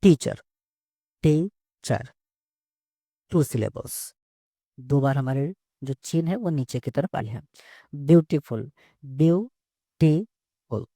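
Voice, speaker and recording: A male teacher explains slowly and steadily, often going back over the same words. His voice sits a little high for a man yet sounds dark and gravelly. It is recorded close up and dry. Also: animated, no room sound. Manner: slow, repeats words and phrases while explaining. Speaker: English teacher. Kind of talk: bilingual lesson explanation.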